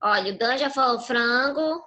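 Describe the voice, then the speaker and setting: A woman's voice: high-pitched, moderate pace, sharp tone, low-quality recording. A woman teacher giving a patient online review class to young children over a video call, prompting them with fill-in questions.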